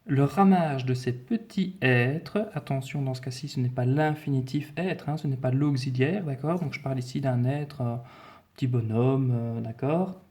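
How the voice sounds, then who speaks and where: A man's voice: mid-range voice, fairly even intonation, normal speed, mellow. Patient, methodical man teaching spelling. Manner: patient, methodical, repeats key points. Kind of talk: spelling lesson explaining a dictation.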